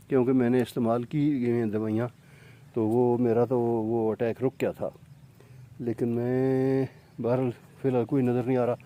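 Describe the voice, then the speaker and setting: A man with a deep, dark and mellow voice walks through a casual gardening lesson. He explains patiently, with frequent fillers, while pointing at his plants. He moves nearer to and farther from the camera mic as he shows them. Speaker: home gardening presenter.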